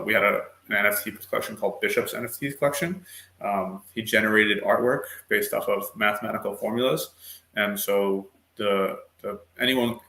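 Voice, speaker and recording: A man's voice: on the low side, bright, forceful tone. A man speaking as a panel guest, explaining things patiently with frequent ums. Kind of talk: online panel discussion. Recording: echoey room.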